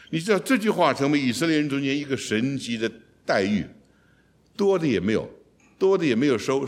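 A middle-aged man teaches through a scripture passage in a sermon, his voice leaping high and dropping low as he acts out the quoted lines. He speaks as a seasoned seminary teacher, explaining and questioning his listeners. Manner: animated, acts out quoted lines with sudden pitch jumps.

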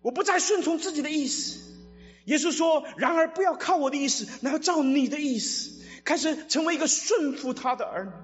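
A male pastor giving an animated sermon, full of rhetorical questions and acted-out voices. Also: very high-pitched, brisk. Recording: reverberant hall, dull lo-fi sound, faint music.

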